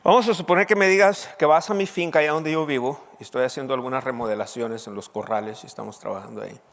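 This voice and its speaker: A man's voice: mid-range voice, quick pace, creaky, in a large hall. A man preaching a sermon as pastor, speaking to the congregation and reading scripture aloud with emphatic repetition. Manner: lively preaching with quoted scripture and asides to the congregation.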